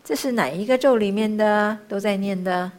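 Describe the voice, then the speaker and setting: A woman teaching the pronunciation of Buddhist chants, patiently chanting each syllable slowly between short explanations. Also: medium pitch, darkish tone.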